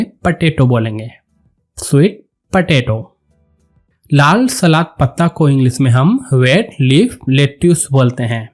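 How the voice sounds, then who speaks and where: Slow, deliberate male vocabulary teacher. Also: mid-range voice, darkish tone. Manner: repeats each word slowly and deliberately. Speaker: English teacher.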